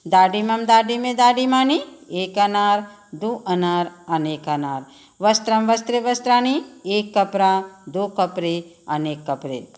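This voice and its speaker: A woman's voice: medium pitch, unhurried, a little mellow. A woman teacher giving a lesson to children, reciting word forms in a sing-song drill and speaking to them patiently. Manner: addresses children directly, patient and instructive.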